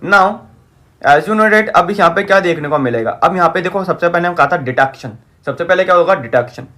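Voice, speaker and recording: A man's voice: high voice, lively intonation, brisk, fairly bright tone. A man teaching a lecture at a whiteboard. He speaks, repeats key terms and keeps checking with the class.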